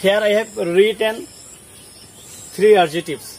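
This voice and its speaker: A man's voice: sits high, very slow, slight background noise. A man teaching English grammar to students, explaining rules step by step and often asking whether they have understood. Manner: checks understanding with repeated questions. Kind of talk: classroom lesson explaining at a board.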